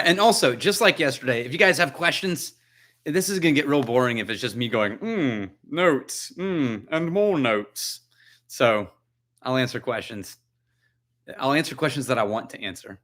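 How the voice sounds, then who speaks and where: Chatty man with a bright voice. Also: medium pitch. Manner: chatty, joking, thinks aloud while tasting. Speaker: whisky channel host. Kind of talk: casual livestream tasting, reading viewer comments. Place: his own chilly house.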